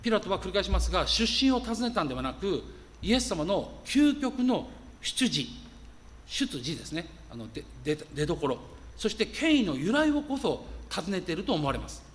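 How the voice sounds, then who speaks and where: High, lively male pastor preaching. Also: normal speed, long reverb tail. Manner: emphatic preaching, reading scripture aloud. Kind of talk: sermon.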